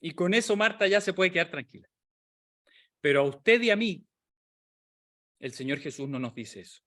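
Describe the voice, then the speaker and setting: A man's voice: on the high side, expressive, moderate pace, a bit bright. A man preaching a sermon to a small group, asking rhetorical questions and acting out the voices he quotes.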